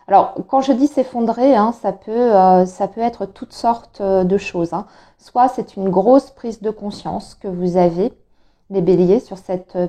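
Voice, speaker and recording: A tarot reader with a soft, mellow, medium-pitched voice walks through a monthly astrology tarot spread. A cold has made her throat slightly hoarse, and she explains each card hesitantly, with many filler sounds.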